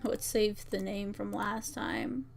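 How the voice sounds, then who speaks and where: Testing a visual novel she made, a VTuber streamer mutters to herself and reads lines aloud during a casual livestream, thinking as she goes. Her mid-range voice is creaky and very animated, a little slow, with slight background noise.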